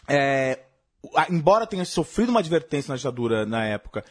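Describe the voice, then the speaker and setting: A Brazilian man hosting a conversational music commentary, explaining haltingly and repeating words as he goes. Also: on the high side, sing-song. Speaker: podcast host.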